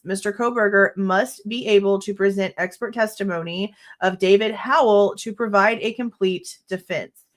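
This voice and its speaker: A young woman with a stuffed-up nose and a medium-pitched voice hosts a true crime livestream, reading a court brief aloud. She keeps breaking off for blunt, exasperated remarks with mild swearing.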